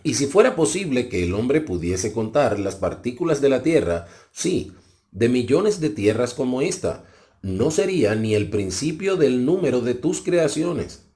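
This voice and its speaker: A man's voice: medium pitch, very animated, a little slow, dark tone. A man reading the words of a reverent, awed old male prophet in a questioning, scriptural declamation. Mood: reverent awe.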